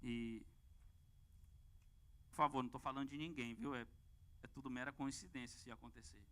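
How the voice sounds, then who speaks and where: A man with a Brazilian Portuguese accent preaching a lively sermon and asking the congregation questions. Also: medium pitch, normal speed, clean tone. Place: church.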